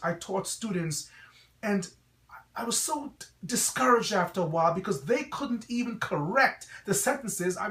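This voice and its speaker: In an echoey room, with the mic set at a distance, a middle-aged reverend who founded a school speaks to camera in a high, fairly bright voice with a slight Guyanese accent. His earnest, formal promotional address carries a preacher's emphatic delivery.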